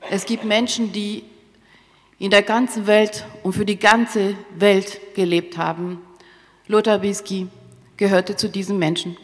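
On a theatre stage in a reverberant hall, a woman speaks into a stand microphone as a consecutive interpreter, solemnly interpreting a eulogy. Her medium-pitched voice stays fairly even, and she proceeds carefully in short, halting phrases, rephrasing as she goes.

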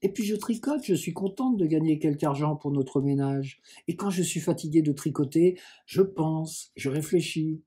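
A man reading the lines of a gentle, pious young blind woman in an audiobook, in a soft, serene, resigned way. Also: fairly high pitch, normal speed, few pauses, husky.

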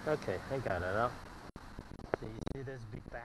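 A man filming himself fishing, talking in a halting way with many fillers and repeated words, recorded outdoors on a head-mounted camera. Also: medium pitch, heavy background noise. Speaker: angler filming his catch. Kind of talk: casual fishing vlog narration. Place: outdoors at a pond bank. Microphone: head-mounted action camera.

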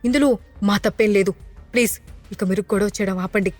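A woman's voice: medium pitch, steady tone, a little fast, soft background music, natural voice. A woman voicing a defensive, arrogant female schoolteacher in an audio drama. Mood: haughty. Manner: flustered then haughty.

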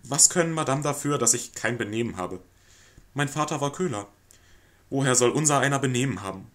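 A man's voice: medium pitch, lively intonation, fairly quick, fairly bright tone, voice pushed up, close to an everyday voice. A man doing a sly, self-pitying lodger. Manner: wheedling, mock-humble. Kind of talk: audiobook reading of a stage play.

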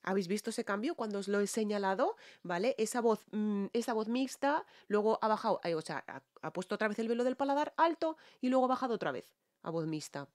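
A woman's voice: mid-range voice, animated, fast, darkish tone, no room sound, studio quality. A woman from Spain with a Spanish accent, a singer and vocal coach who analyzes a song in a reaction video. She explains as she goes and keeps checking in with her viewers.

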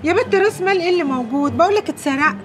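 A woman's voice: very high-pitched, expressive, very fast, noisy background. An actress playing a wronged, desperate young woman with an Egyptian accent, given to wailing, pleading outbursts. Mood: chatty. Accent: Egyptian Arabic. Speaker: film actress. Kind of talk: film melodrama acting. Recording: music score behind. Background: film score music.

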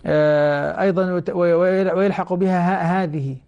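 A man with a fairly high voice teaching the rules of Quran recitation on a television program. He explains each rule step by step and breaks into slow, drawn-out chanting of short example verses. He speaks to his listeners as brothers. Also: steady tone, vocal fry, lo-fi sound. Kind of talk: televised tajweed lesson. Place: TV studio.

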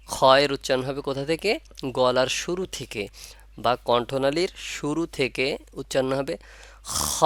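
A man teaching Arabic letter pronunciation, repeating sounds slowly and asking and answering his own questions. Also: mid-range voice, a bit bright, smooth, no echo. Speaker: Quran reading teacher. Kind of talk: step-by-step pronunciation lesson.

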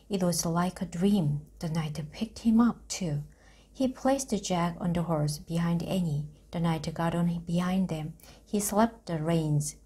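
Slow, husky woman reading a children's book. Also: on the low side, warm tone. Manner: slow, careful storytelling for learners. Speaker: reader.

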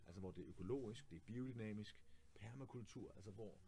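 A man in his forties, both candidate and host, chats about politics in a clothing shop with a fairly low, warm voice. He keeps restarting sentences, adds tag questions, and comes across as earnest and keen to explain.

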